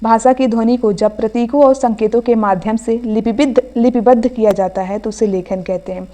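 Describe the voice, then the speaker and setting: A woman's voice: a little high, fairly even intonation, normal speed, warm tone. A woman teaching an online exam revision class, reading out each question and then giving the answer. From India.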